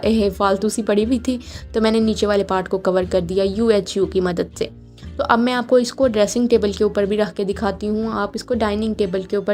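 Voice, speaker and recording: A woman's voice: medium pitch, darkish tone. A woman, giving a chatty, homely step-by-step craft tutorial with frequent fillers. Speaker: DIY craft vlogger. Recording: home video with faint background music.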